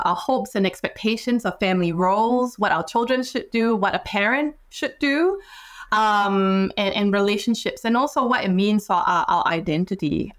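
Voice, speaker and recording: A woman from Singapore in her thirties, a psychologist speaking as a guest over a video call headset from a home office, thoughtful, with many fillers and restarts. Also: mid-range voice.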